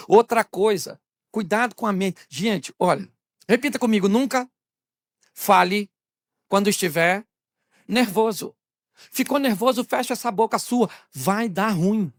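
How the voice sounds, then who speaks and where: Gravelly, humorous male pastor preaching. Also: high voice, slow, long pauses, no echo, clean studio sound. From Brazil. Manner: humorous, acts out little scenes, talks straight to the congregation. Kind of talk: sermon. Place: church.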